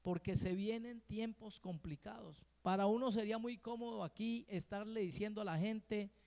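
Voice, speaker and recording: High-voiced preaching man in a reverberant church. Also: normal speed, creaky, a little mellow. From Colombia. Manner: preaching, often asks the congregation "¿sí?" and "¿cierto?". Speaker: pastor. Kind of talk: sermon. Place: church hall.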